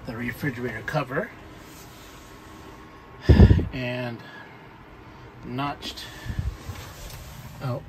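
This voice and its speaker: A man filming a walk-through of his camper trailer on a handheld phone, explaining things in a plain, halting way with many ums and restarts. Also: mid-range voice, background noise. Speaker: camper owner showing a solar install. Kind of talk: casual walk-through narration. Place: outdoors and inside a small camper trailer.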